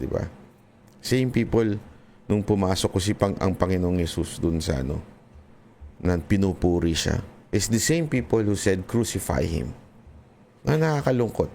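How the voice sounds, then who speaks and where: A man's voice: fairly low pitch, a little mellow, a little hiss or hum. A man from the Philippines giving earnest commentary to his viewers, talking to them directly, slipping between Tagalog and English with frequent restarts. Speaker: political vlogger. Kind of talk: impassioned commentary vlog.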